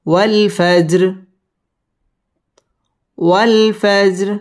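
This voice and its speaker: A high-pitched man leads a tajweed lesson at an unhurried pace. He spells each verse letter by letter, then draws it out in a slow, melodic chant, and switches to brisk spoken notes on pronunciation. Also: fairly even intonation. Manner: slow drawn-out melodic recitation alternating with quick spoken explanations. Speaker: Quran recitation teacher.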